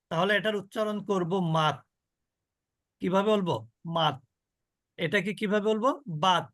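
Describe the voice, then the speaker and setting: Guy teaching quran recitation, fairly high voice, dry close sound, repeats each sound again and again to show it. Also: fairly bright tone, dry recording. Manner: explains slowly, demonstrates sounds repeatedly, asks and answers own questions. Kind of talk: online tajweed class.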